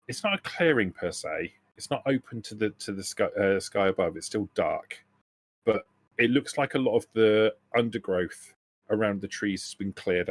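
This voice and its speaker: A man with a voice on the low side narrates a tabletop role-playing game as game master, describing scenes haltingly and correcting himself. There is no room sound.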